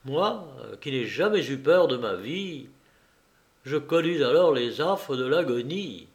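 A man reading a first-person novel aloud as an audiobook narrator, in a measured, deliberate way. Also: a little high, animated.

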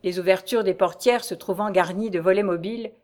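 A woman narrating a historical novel in a measured, dramatic storytelling manner. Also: medium pitch, a little mellow. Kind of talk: audiobook narration.

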